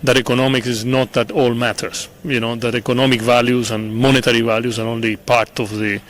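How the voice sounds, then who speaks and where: A middle-aged man from Chile, answering interview questions in an earnest, measured way with frequent pauses and repeated words. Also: mid-range voice, flat delivery. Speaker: interview guest, international official. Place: conference venue.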